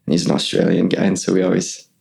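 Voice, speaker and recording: Low, creaky and fast-talking, a young man on an interview podcast earnestly relates a story from his missionary service. He tells it animatedly, slipping into quoted voices.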